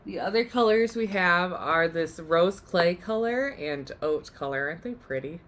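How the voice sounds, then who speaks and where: A woman hosts a live DIY demonstration in a chatty, upbeat way, her voice strained because she is losing it. Her voice sits somewhat low. Faint background noise hangs behind her. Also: lively intonation, moderate pace, a bit bright. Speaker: workshop host.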